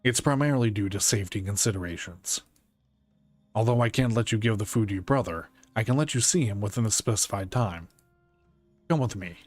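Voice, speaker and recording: A man reading game dialogue aloud as a calm, conscientious police detective, in a serious and deliberate way. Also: fairly low pitch, soft background music. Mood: calm, reassuring.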